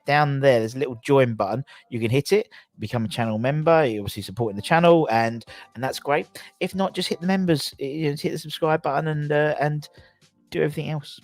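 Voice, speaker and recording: A man's voice: on the high side, a little mellow. A man with a southern English accent hosting a casual football fan livestream, rambling and jokey, often repeating himself as he chats to viewers.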